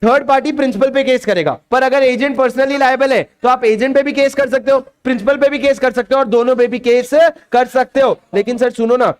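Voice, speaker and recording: A man with a high, smooth voice and an Indian English accent runs an exam revision lecture. He keeps coaxing his class, asking questions again and again and pushing them to answer. His voice sounds clean and resonant. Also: steady tone, a little fast, few pauses. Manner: coaxing, repeats questions to students. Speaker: teacher.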